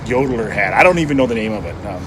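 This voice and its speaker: A man's voice: on the low side, animated, racing. A man chatting casually to the camera on a travel vlog, upbeat and rambling, a bit out of breath from hauling a heavy bag. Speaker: travel vlogger. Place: outdoors in a city, then on the move while travelling. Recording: loud traffic noise outdoors.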